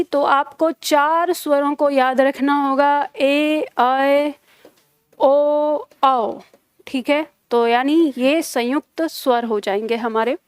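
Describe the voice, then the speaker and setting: Young female teacher, high voice, dry close mic, patient and step by step. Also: no echo. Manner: patient, repeats key terms slowly, checks "theek hai?". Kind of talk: live online grammar class.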